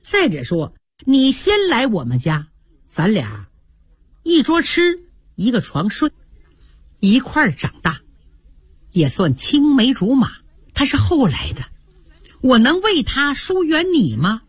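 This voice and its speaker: A woman's voice: high-pitched, wildly swooping pitch, slow pace, long pauses, breathy edge, no echo, heavily acted. A woman voicing an anxious young nobleman who coaxes and pleads earnestly, in a radio storytelling. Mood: earnest pleading. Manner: coaxing, earnest.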